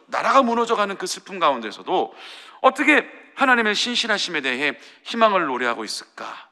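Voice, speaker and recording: Bright-voiced pastor preaching in a hall. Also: male voice, fairly high pitch. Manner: earnest, pleading preaching with acted parent voices. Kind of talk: dawn prayer sermon. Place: church sanctuary. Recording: long hall reverb.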